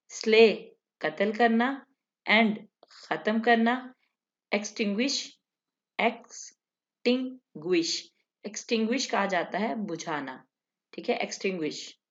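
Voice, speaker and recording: Slow-paced woman teaching vocabulary. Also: mid-range voice, muffled recording. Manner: slow, repeats each word and its meaning. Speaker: English teacher. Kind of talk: vocabulary lesson.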